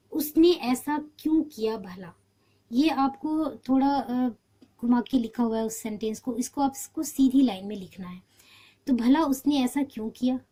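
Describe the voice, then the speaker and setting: Woman teacher, patient and mellow, walking students through a lesson. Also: a little high. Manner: patient, explains step by step. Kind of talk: homework walkthrough lesson.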